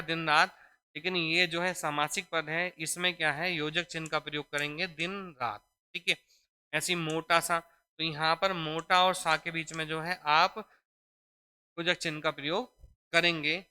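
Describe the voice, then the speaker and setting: In this exam-prep spelling class, the male teacher's voice sits a little high and sounds sharp and clean. Explaining each step, he says every word more than once, keeps asking whether his students are with him, and affectionately addresses them as children.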